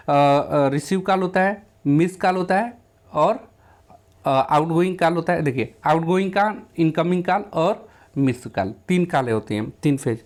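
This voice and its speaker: A man teaching an exam question lesson, reading each English question out slowly and then explaining it in plain Hindi. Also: fairly high pitch, a little mellow.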